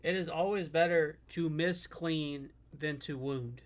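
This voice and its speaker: A man's voice: fairly high pitch, measured pace, soft background music. A man giving casual reaction commentary as a streamer.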